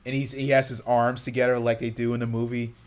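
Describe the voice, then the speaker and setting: A man co-hosting a gaming podcast, telling stories in a loose, laughing, animated way. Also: mid-range voice, fast. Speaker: podcast co-host. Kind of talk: casual chat.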